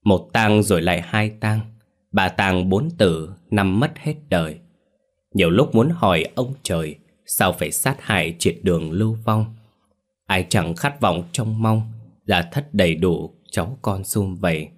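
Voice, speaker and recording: A man reciting as a mournful drowned ghost boy. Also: low voice. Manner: slow mournful recited verse. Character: ghost boy, drowned orphan, grieving and eerie.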